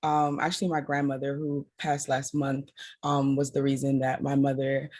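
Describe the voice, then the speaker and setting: Woman organizer on a video panel, husky voice, earnest, lists stuff off one after another. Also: rumbling low, monotone, normal speed, a little mellow. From Trinidad and Tobago, raised in Washington DC. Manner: earnest, runs through long lists. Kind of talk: panel introduction over video call. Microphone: video call.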